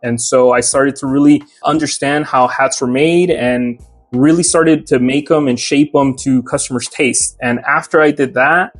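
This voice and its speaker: Soft music plays behind this medium-pitched, steady male voice at a moderate pace. He's a young hat maker from Mexico who runs his own shop, and in a relaxed interview he explains his work one step at a time, filling gaps with lots of "uh"s.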